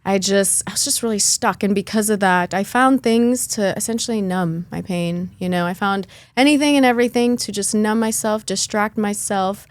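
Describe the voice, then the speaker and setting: Brief: young adult woman, podcast guest, candid and chatty, medium pitch, dry close sound. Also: normal speed, hardly any pauses, no echo. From born in Lithuania, raised in Chicago. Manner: earnest, chatty, with light laughs and fillers. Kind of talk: candid personal storytelling.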